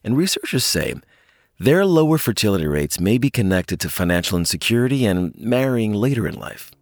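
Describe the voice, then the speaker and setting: A man co-hosting a news podcast, reading scripted news in a lively, expressive way. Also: on the low side, fairly quick, no echo, studio quality. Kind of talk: scripted news narration and banter.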